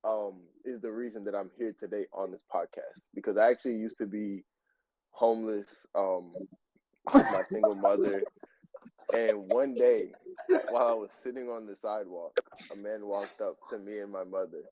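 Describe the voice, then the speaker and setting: Low, mellow young man, dry sound. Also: moderate pace, no echo, rough recording. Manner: playful, tells tall tales deadpan. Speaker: podcast co-host. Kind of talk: casual joking chat.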